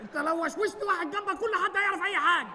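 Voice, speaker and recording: A man in a live stage comedy sketch, bossy and scolding as he tells another to calm down. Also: very high voice, racing. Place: theater stage with live audience. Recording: stage mics in a hall with audience.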